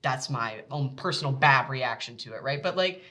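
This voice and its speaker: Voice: medium pitch, expressive, normal speed, sharp tone. A podcast co-host talking in casual chat, earnest and reflective, with restarts.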